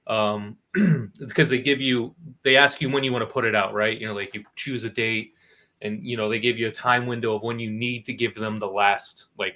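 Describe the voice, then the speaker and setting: A man with a bright, forceful voice tells a story in easygoing conversation. He is animated, swears freely and slips into quoting other people in little voices. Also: mid-range voice. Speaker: guest co-author. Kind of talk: casual storytelling chat.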